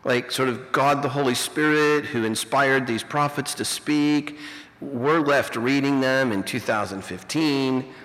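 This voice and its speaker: A middle-aged pastor and teacher delivers a reflective, conversational sermon peppered with "you know." His voice is medium in pitch and fairly bright, and he speaks at a measured pace. The recording is fuzzy and distorted, with the reverb of a large hall.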